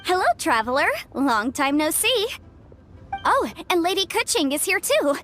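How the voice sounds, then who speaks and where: Chirpy cheeky young consultant in a game, high n bouncy, chatty, sure of herself. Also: female voice, a little slow, soft background music, full character voice. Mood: cheerful. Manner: breezy, chatty, animated. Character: chirpy, confident young legal adviser, cheekily self-justifying. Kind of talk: scripted video game voice acting.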